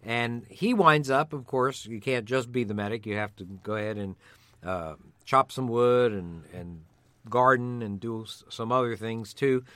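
Middle-aged male co-host, gravelly with a slight cold, medium pitch, measured explainer, close dry recording. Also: pushed and bright, no echo. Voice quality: gravelly voice from a passing illness. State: mildly hoarse with a cold. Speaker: co-host of a survival medicine show. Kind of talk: explanatory conversational talk.

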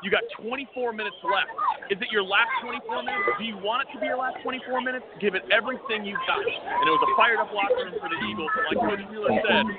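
A male sideline reporter speaks in a high, lively voice at a quick clip. His delivery is hurried and excited, with restarted phrases. It comes over a thin broadcast link from an outdoor field, with heavy noise around him. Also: phone-quality sound. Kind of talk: live sideline report and interview.

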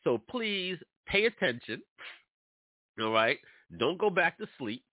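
Talking directly to his listeners, an animated, preachy internet radio host from New York gives a casual monologue, his voice congested from allergies. He speaks slowly at a fairly high pitch. There's no room sound, just a dry, tinny, phone-like quality.

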